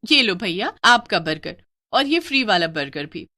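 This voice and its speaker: A vengeful fat witch from a cartoon horror tale, shrill and gloating, with a woman acting her out. She hawks her wares in high calls and cackles over her victims. Her voice sits at an ordinary middle pitch. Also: very animated, normal speed, pushed and bright, slight background noise. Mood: sweet-talking. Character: fat vindictive cackling female witch burger seller.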